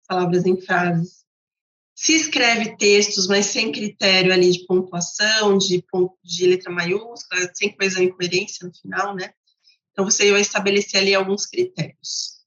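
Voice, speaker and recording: A woman's voice: mid-range voice, a bit bright. A woman with a Brazilian Portuguese accent, a literacy educator explaining ideas to teachers in a didactic way, repeating her points through contrasts. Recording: roomy, slightly dull sound.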